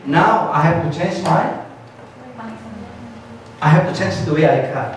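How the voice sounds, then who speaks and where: A bawling infant boy, played by a man, wails high and shrill, then mutters cheeky plans to get his milk. The voice rings through an echoey hall, picked up from a distance with noise underneath. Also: slow pace. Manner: high wailing cries, then cheeky inner talk. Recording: echoey hall, far mic, noisy.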